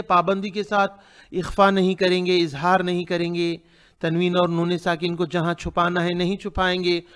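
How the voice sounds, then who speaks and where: A man teaching Quran pronunciation, reciting verses in long drawn-out phrases and sternly correcting mistakes. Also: sits high, fairly bright tone. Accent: Hyderabadi Urdu. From India. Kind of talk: tajweed lesson, reciting and correcting.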